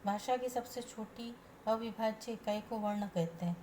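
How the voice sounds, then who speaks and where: A woman teacher reading a grammar lesson aloud in a measured way, reciting letters one by one. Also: on the high side, warm tone, a little hiss or hum.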